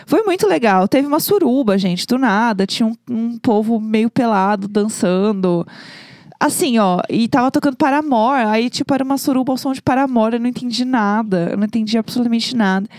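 A woman's voice: a little high, a little fast, no room sound, clean studio sound. A young adult woman with a Brazilian Portuguese accent, co-hosting a casual chat and telling stories animatedly. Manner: animated storyteller, acts out her own shrieks. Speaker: podcast co-host.

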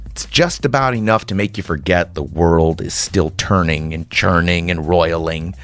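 A man delivering an impassioned, sarcastic monologue to listeners like a conspiratorial late-night rant, with rhetorical questions, repetition and dramatic pauses. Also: deep voice, fairly bright tone, soft background music. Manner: dramatic pauses and repeated phrases. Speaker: commentator host.

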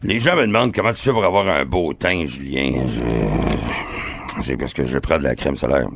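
A man's voice: extremely low pitch, moderate pace, vocal fry, husky. A man with a Québécois accent, a radio co-host telling jokes in a loose, self-mocking way. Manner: jokey, laughing, self-mocking. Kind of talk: casual radio chat, joking. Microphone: studio microphone.

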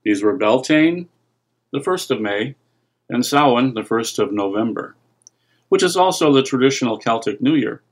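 Male reader, deep and sonorous, steady measured article reading.

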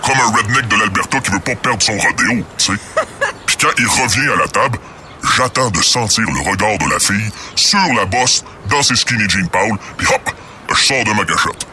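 A man's voice: lowish voice, normal speed, pushed and bright, faint music behind. A man with a Québécois accent voicing a crude, boastful ex-professional droplet through a voice changer that disguises his voice, in a comedy radio sketch. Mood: smug. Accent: Québécois French.

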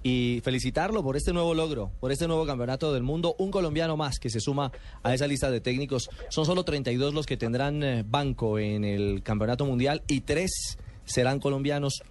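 A sports radio host closing an interview, friendly and upbeat, thanking a guest. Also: male voice, mid-range voice, a little fast, a little mellow.

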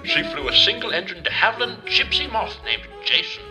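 A man's voice: fairly low pitch, very animated, normal speed, music in the background, voice pushed down, poor audio. A man putting on a transatlantic accent to voice an old-timey newsreel announcer, in a 1940s radio style. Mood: declaiming.

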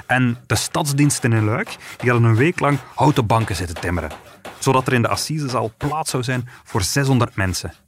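A man's voice: mid-range voice, animated, brisk, a little hiss or hum. A man, a journalist, co-hosting a podcast and explaining a past case in an storytelling way. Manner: explanatory storytelling, some restarts. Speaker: journalist co-host. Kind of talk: podcast conversation.

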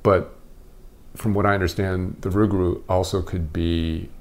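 Deep-voiced male interviewer. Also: level tone, moderate pace. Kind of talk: casual interview conversation.

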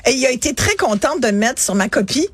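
A woman from Quebec with a Québécois accent, hosting a casual radio chat in an animated, exclamatory way. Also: high-pitched, slightly rough, no room sound. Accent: Québécois French. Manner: animated, exclamatory, quick asides. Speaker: radio host.

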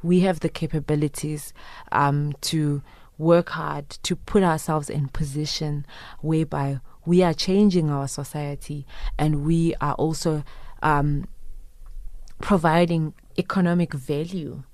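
A young woman from Zimbabwe, a singer-songwriter, speaking earnestly and reflectively as a guest in a radio interview, with soft laughs. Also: sits low, fairly even intonation, measured pace, dry recording.

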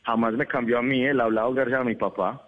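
A man in his thirties with a Medellín accent, an animated comedian telling stories and laughing often as a guest. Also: medium pitch, fast talker, phone-quality sound. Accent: Medellín Spanish. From Colombia. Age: 30s. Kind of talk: casual interview chat.

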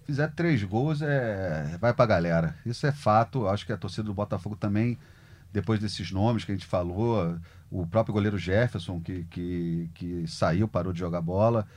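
A man talks football in a lively, emphatic, slangy way. His voice sits a bit low. He sounds like a sports journalist sharing opinions in a casual discussion. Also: moderate pace. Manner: animated, emphatic, colloquial.

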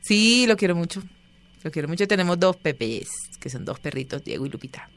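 Animated woman telling stories. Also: fairly low pitch, fairly quick. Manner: animated storyteller, acts out quoted voices. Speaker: interview guest. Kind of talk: casual interview storytelling.

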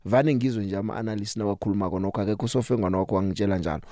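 A man's voice: fairly low pitch, racing, dark tone, no room sound, clean studio sound. A South African man hosting a radio sports talk show, speaking emphatically and rhetorically with strong opinions.

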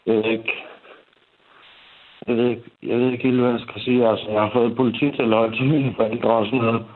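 A young man talking candidly in an interview, halting, swearing and restarting his sentences often. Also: medium pitch, level tone, a little hiss or hum. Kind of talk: candid interview about family conflict. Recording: tinny phone-like sound.

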